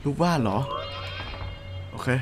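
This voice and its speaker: A man's voice: slow pace, noisy background. A young man streaming a horror game, muttering to himself as he plays and letting out sudden startled yelps. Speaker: gaming streamer. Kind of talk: live horror game commentary.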